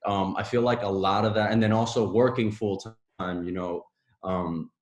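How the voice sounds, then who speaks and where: A man's voice: fairly low pitch, steady tone, normal speed, reverberant. A man from Puerto Rico whose first language is Spanish, a podcast guest talking casually with many fillers and restarts. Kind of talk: casual conversation.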